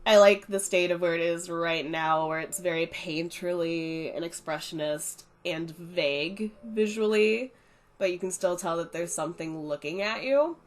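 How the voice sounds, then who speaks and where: Stuffed up with a cold, a young art channel host talks through her supplies in a relaxed, chatty voice-over review, explaining things along the way. She speaks on the low side at a moderate pace.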